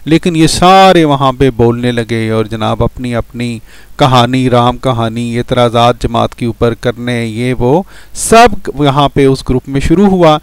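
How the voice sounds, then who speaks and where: A man's voice: mid-range voice, clear, resonant tone, no echo. A man hosting a commentary video, addressing his viewers directly and mocking his opponent. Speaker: channel host. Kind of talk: commentary on played voice messages.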